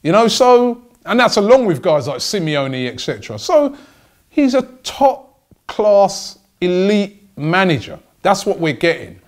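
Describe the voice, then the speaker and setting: A man's voice: high voice, very animated, unhurried. A middle-aged man giving opinionated football commentary as a show host, speaking emphatically and repeating phrases for stress. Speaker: football fan channel host. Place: indoor studio desk with branded backdrop. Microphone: several stand microphones on desk.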